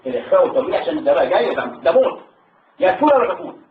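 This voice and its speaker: Older Egyptian veteran, Egyptian accent, high fast voice, emotional storyteller, tinny far-off hall recording. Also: male voice, slight background noise. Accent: Egyptian Arabic. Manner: animated, rising into high pitch when moved, halting restarts. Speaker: war veteran guest. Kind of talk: emotional storytelling to a salon audience. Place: hall at a literary salon.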